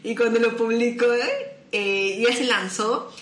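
Bright-voiced Peruvian woman telling stories. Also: fairly high pitch, measured pace, roomy sound. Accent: Peruvian Spanish. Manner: animated storytelling, acts out quoted dialogue. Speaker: podcast guest, food content creator. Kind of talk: casual interview chat.

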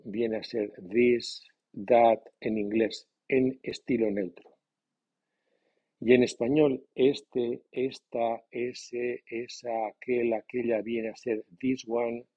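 A man teaching a grammar lesson in a measured, scripted way, reading example sentences slowly. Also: medium pitch, slightly rough. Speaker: language teacher. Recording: dull lo-fi sound.

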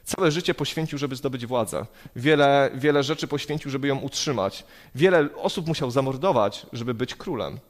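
A man's voice: mid-range voice, moderate pace, hardly any pauses. A man preaching a sermon, earnest and emphatic, building his points through repetition. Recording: long hall reverb.

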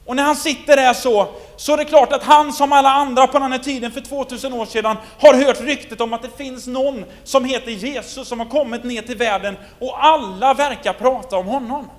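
A man's voice: very high voice, fairly even intonation, hardly any pauses. A man preaching a sermon, retelling a scripture story and putting rhetorical questions to his listeners. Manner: asks the listeners many rhetorical questions, loudness swings widely.

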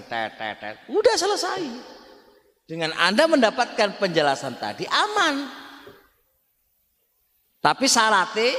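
East Javanese male teacher, high, swinging delivery, chatty lecture style, reverberant hall. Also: sharp tone. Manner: conversational, repeats words, keeps addressing listeners as "Pak". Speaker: Islamic religious teacher. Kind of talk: Islamic study lecture.

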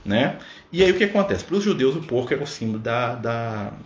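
A man's voice: mid-range voice, very animated, brisk, muffled recording. A man leading an informal religious study on a livestream. He talks conversationally and keeps checking in with his listeners. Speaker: spiritist study leader. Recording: echoey room with faint background noise.

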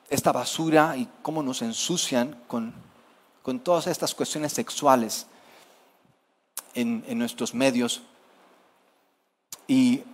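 Pastor preaching to his congregation. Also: mid-range voice. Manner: conversational preaching, asks the congregation questions. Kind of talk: sermon.

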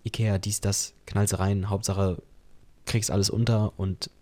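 A young man co-hosting a casual podcast chat, relaxed, with casual slang and many fillers. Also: on the low side, measured pace. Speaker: podcast co-host.

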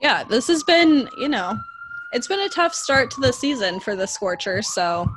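A man's voice: very high voice, huge pitch swings, normal speed, background noise. A man co-hosting a podcast, chatting about basketball in an easygoing way with short replies. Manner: easygoing, brief replies and laughs. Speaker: podcast co-host. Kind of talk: casual sports chat.

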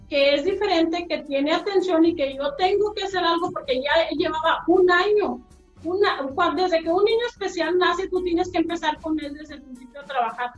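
High-voiced Mexican woman on echoey call. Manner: earnest, emotional retelling. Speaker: interview guest. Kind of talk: personal storytelling. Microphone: remote call. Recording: echoey, dull remote call audio.

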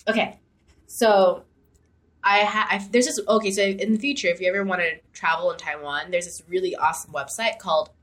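A woman's voice: mid-range voice, normal speed, long pauses, fairly bright tone. A young woman co-hosting a podcast in casual chat, rambling with many fillers and restarts. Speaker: podcast co-host.

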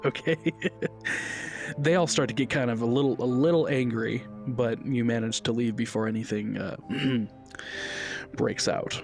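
A man narrating a tabletop game as game master in a relaxed, chatty way with many fillers. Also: mid-range voice, measured pace, creaky, music in the background.

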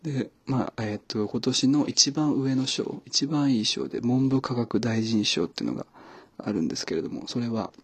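A man hosting a casual solo podcast, talking quietly and mumbling, with self-deprecating asides. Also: mid-range voice, moderate pace, breathy edge, no echo. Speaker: podcast host.

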